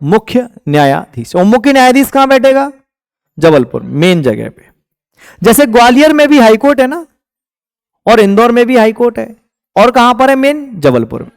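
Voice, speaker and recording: A man's voice: extremely high pitch, sing-song, moderate pace, vocal fry, smooth, no room sound, studio quality. A man from India, teaching an exam-prep lecture. He keeps asking the class questions and then answers them himself.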